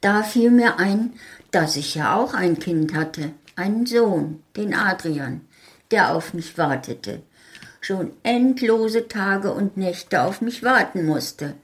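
A woman reading her own short story aloud in a slow, calm, measured way. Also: mid-range voice.

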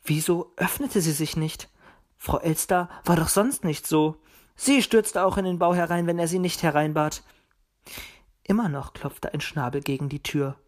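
A woman's voice: sits low, moderate pace. Woman narrating a children's storybook. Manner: lively, expressive reading.

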